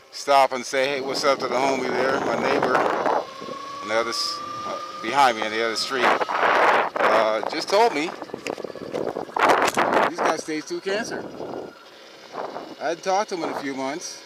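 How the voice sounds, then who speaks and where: A man's voice: mid-range voice, unhurried, long pauses. A man hosting a casual riding vlog, rambling to himself and his viewers as he goes. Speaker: vlog host. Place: outdoors, riding an electric two-wheeler. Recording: loud wind noise, vehicle sounds. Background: loud wind and vehicle noise.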